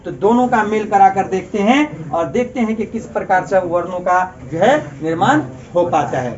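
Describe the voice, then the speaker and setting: A man's voice: high-pitched, normal speed, muffled recording, slight background noise. A male teacher giving a grammar lesson to a class. He keeps asking questions and repeating the answers as drills.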